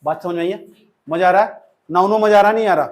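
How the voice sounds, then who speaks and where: Acting out sample sentences and moving between Hindi and English, an Indian-accented English teacher delivers a classroom lecture in a high voice at a quick pace.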